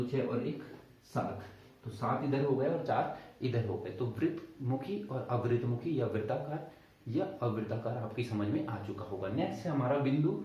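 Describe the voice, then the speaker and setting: A man teaching a Hindi grammar lesson at a board, explaining step by step, asking the class questions and answering them himself, and stretching out vowel sounds to demonstrate them. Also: warm tone. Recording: boomy room echo, distant and dull.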